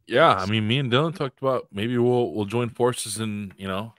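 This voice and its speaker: A man hosting a podcast in casual chat, relaxed and steering the talk, with loose filler phrases. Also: mid-range voice, normal speed, dry recording, studio quality. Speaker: podcast host.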